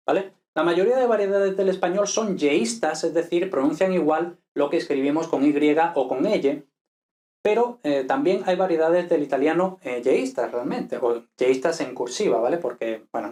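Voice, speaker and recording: A man's voice: on the high side, normal speed, darkish tone. Man explaining pronunciation. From Spain. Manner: explanatory, frequent "¿vale?" check-ins and repeated model words. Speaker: language teacher. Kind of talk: video lesson on pronunciation.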